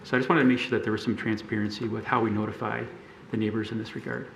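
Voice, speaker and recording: A man on a city zoning board asking questions and discussing a case, thoughtful and halting, often restarting his sentences. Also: on the low side, level tone, creaky, reverberant, noisy background.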